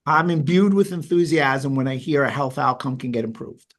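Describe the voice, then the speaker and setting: A man's voice: medium pitch, moderate pace. A man with a New York accent hosting an interview, chatty and jokey with enthusiastic asides. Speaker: podcast host. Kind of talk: casual interview.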